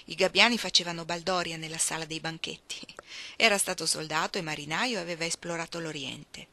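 Bright-voiced Italian-reading woman narrator. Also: sits low, fairly quick. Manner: expressive, shifting between soft hushed phrases and emphatic ones. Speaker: reader. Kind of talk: literary audiobook reading.

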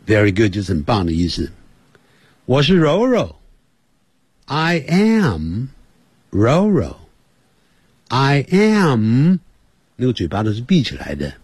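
Slow patient guy teaching little kids n parents, lots of repeating, raspy voice. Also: lowish voice, huge pitch swings, a little mellow, no room sound. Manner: slow, drawn-out demonstration with many repetitions. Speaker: English teacher. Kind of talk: beginner language lesson for children and parents.

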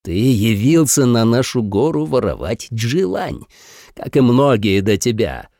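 A man voicing a contemptuous, haughty elder male clan head in a slow, sneering, gravelly delivery. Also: medium pitch, sing-song, darkish tone, no echo, studio quality.

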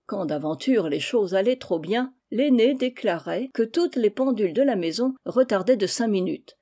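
A woman narrating an audiobook of a humorous novel in an even, measured reading. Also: medium pitch. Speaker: audiobook reader.

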